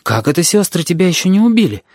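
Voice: medium pitch, expressive, moderate pace, a little mellow, no echo, studio quality, voice pushed up, lightly acted. A reader voicing a timid, curious young boy who asks careful, wondering questions. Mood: cautious.

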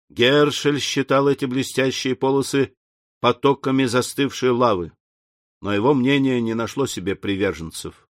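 A man's voice: medium pitch, no room sound. Man narrating an audiobook, dry close sound. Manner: steady, deliberate reading. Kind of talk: scripted narration.

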